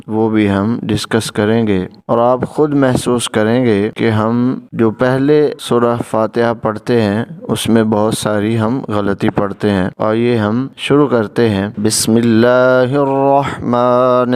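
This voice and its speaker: A man teaching a Quran recitation lesson, spelling out letters one by one and reciting words slowly with drawn-out melody. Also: lowish voice, darkish tone, smooth.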